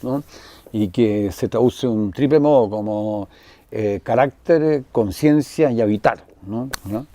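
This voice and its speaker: A man's voice: medium pitch, dark tone. Older man lecturing on philosophy. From Chile. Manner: digressive, full of tag questions and fillers; clears throat now and then.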